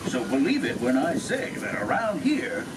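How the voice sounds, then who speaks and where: A man voicing a cheerful, folksy old-time train conductor in theme park ride narration, heard through an outdoor loudspeaker. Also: a little high, huge pitch swings, normal speed, heavy background noise. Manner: folksy frontier drawl, storybook cheer. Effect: recorded narration over outdoor train loudspeakers. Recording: distant loudspeaker with loud music.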